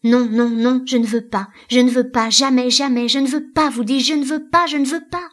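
A woman's voice: medium pitch, moderate pace, lightly acted. A woman voicing an anguished married woman in a dramatic play reading, pleading with panicked outbursts. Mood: terrified.

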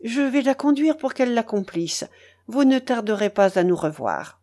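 A woman's voice: on the high side, expressive, dark tone, natural voice. Woman reading a grave solemn bishop. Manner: grave, measured, admonishing.

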